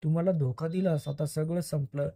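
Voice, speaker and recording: A man's voice: a little high, fairly even intonation, moderate pace, mellow. A man voicing a menacing armed male criminal in a spoken story, with mocking, threatening lines.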